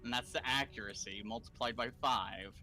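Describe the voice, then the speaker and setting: A man's voice: medium pitch, normal speed, pushed and bright. A young man playing a co-op game, explaining its mechanics casually and swearing freely. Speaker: co-op gamer. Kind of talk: casual gaming chat.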